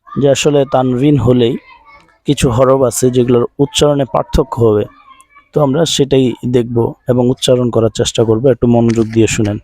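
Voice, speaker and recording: A man's voice: medium pitch, steady tone, fairly quick, warm tone, low-quality recording. A man teaching Quran pronunciation, patiently drilling each syllable and repeating it several times. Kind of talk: online pronunciation lesson.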